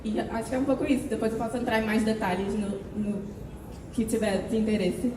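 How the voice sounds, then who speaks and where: A woman's voice: on the high side, fairly even intonation, a little fast. Young woman panelist in a big echoey hall. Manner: casual, hesitant. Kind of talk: panel talk. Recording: echoey hall, far from mic, noisy.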